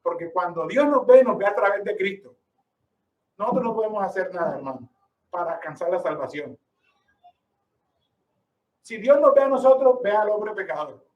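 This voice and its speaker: A man's voice: sits high, expressive, normal speed, long pauses, a little mellow, roomy sound, recorded from a distance, dull audio. A man preaching a sermon with emphasis, asking rhetorical questions and calling the listeners brother.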